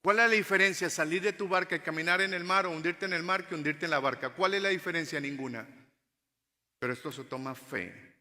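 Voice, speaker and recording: A male pastor preaching a sermon in a dramatic style, moving from loud exclamations to hushed, low passages, recorded in a church sanctuary. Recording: long hall reverb from the church.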